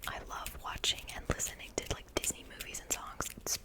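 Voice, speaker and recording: A woman in her twenties from Germany, whispering softly in a casual ASMR question-and-answer chat, with lots of fillers. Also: fairly quick. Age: 20s. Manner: soft unvoiced whisper, chatty with fillers. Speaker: ASMR YouTuber.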